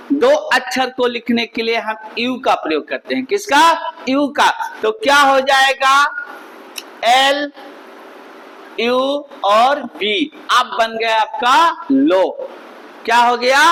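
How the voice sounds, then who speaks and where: A man's voice: very high-pitched, pushed and bright, poor audio. A male teacher, giving a spelling lesson and drilling the class with repeated questions and answers.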